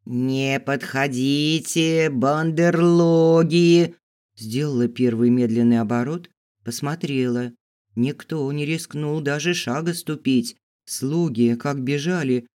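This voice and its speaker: A man narrating an audiobook in a steady storytelling voice. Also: medium pitch, moderate pace. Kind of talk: scripted narration.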